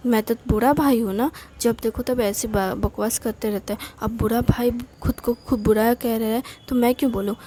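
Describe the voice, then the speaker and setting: Pouty, quarrelsome little girl from a storybook reading, fairly high and soft-toned , read by a woman. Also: fairly even intonation, moderate pace, hardly any pauses, slight background noise, lightly acted. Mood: complaining. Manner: pouty, complaining. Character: cheeky young girl, quarrelsome little sister.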